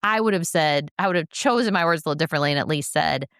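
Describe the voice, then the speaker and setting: A woman's voice: deep voice, fast, clean tone, no room sound, studio quality. A middle-aged woman co-hosting a podcast, telling a family story in casual chat, laughing often and acting out the people she quotes. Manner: animated, laughing, acts out quoted speech. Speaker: podcast co-host.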